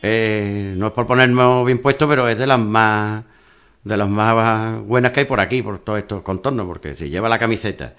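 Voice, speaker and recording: Smooth-voiced race organizer. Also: male voice, on the low side, moderate pace, a bit bright. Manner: rambling, restarts often. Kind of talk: radio interview.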